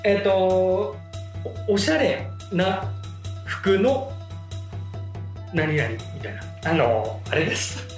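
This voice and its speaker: A young man co-hosting a casual comedy game chat, playful and quick to laugh, fumbling for words as he explains. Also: sits high, sing-song, echoey room, soft background music. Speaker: podcast co-host.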